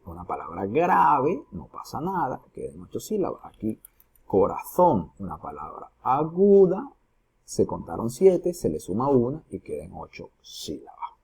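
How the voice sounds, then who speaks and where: A man's voice: medium pitch, wildly swooping pitch, moderate pace, vocal fry, a little mellow, breathy edge. A man teaching a recorded lesson, explaining each step and asking his students questions as he goes. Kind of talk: recorded lesson on poetry metrics.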